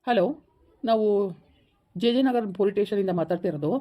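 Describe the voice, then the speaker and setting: A woman's voice: mid-range voice, brisk, dark tone, lightly acted. A woman voicing a stern, bullying male police officer who scolds and threatens a village wife over the phone in a comedy skit. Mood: officious.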